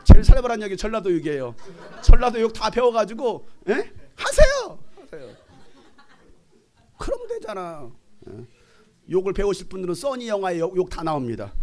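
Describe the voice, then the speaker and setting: A man who is a pastor, preaching an animated, joking sermon and at times shouting commands. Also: sits high, fairly quick, long pauses.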